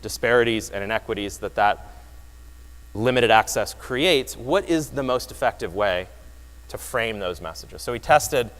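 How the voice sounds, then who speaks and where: A man giving a lively, wry conference talk that explains research results, often restarting his phrases. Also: fairly low pitch, moderate pace. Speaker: presenter. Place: conference hall. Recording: long hall reverb.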